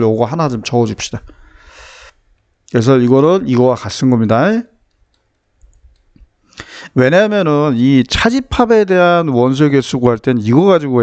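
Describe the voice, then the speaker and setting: A man's voice: medium pitch, a little mellow, muffled recording. A man teaching a math lesson, explaining step by step and often checking that his students follow. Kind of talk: classroom math lecture.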